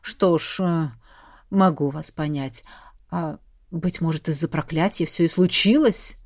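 Woman doing a low slow clerk guy, gentle and patient, storybook. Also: no echo, clean studio sound. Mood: calm polite. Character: calm, polite middle-aged male clerk.

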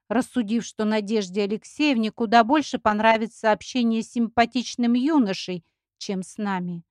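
Higher-voiced woman reading a story. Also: a little mellow, dry recording. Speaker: narrator. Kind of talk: audiobook reading.

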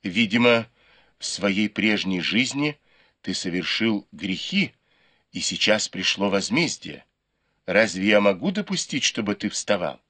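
A man reading the part of a stubborn, sharp-tongued young maid in a storybook. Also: lowish voice, animated, unhurried, exaggerated voice. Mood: mocking. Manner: scolding, curt.

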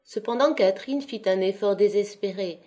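A woman reading a classic novel as an audiobook in a steady, measured voice of middle pitch. Her delivery is calm and descriptive, dwelling evenly on each detail of the scene. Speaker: audiobook reader.

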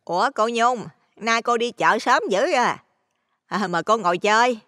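A man's voice: high voice, normal speed, bright, forceful tone, long reverb tail, pitched above the performer's own voice. A man voicing a gossipy middle-aged village tea-stall woman, fawning and chatty. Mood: fawning nosy.

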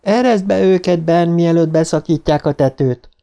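A man reading a young girl in a gang of boys, talking briskly. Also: fairly high pitch, creaky, dark tone, clean tone, pitched above the performer's own voice. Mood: bossy.

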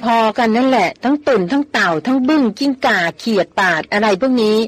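A woman's voice: a little high, brisk, no room sound, lightly acted. Style: audiobook. Figure: woman voicing a spoiled, snappish young noblewoman, dry sound. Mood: scornful. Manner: sulky, snapping, indignant. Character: spoiled proud young noblewoman, quick-tempered. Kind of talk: audiobook character voice.

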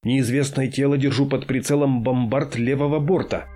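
A man's voice: medium pitch, fairly even intonation, moderate pace, mellow, natural voice. A man voicing a jaunty male ship's gunner who reports with dashing cheer.

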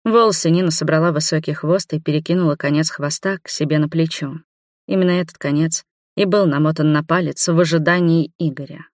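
A man narrating an audiobook in an even, descriptive reading. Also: on the high side, a little fast, no room sound, clean studio sound.

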